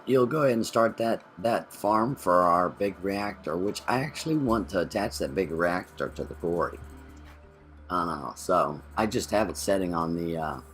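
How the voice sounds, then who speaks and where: Here a male co-host with a low-pitched, somewhat bright voice gives relaxed commentary on a game. He reasons out loud during play and revises himself in the middle of sentences.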